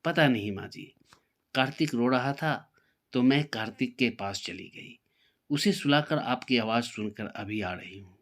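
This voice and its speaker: A man voicing a gentle, dutiful young daughter-in-law in a spoken story, talking politely and earnestly. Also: medium pitch, unhurried, close to an everyday voice.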